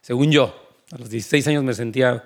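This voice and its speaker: A man's voice: mid-range voice, fast, creaky. A man preaching to young people, telling his own story earnestly and acting out the voices he quotes. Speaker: pastor. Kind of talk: youth sermon with testimony.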